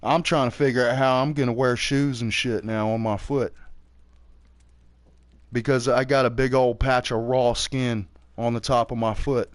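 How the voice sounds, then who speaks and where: A laid-back man in his early forties rambles on casually, swearing freely. His voice sits at an ordinary middle pitch, and his talk is loose and unhurried. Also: steady tone. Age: 40s. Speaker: streamer. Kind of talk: casual chat while gaming.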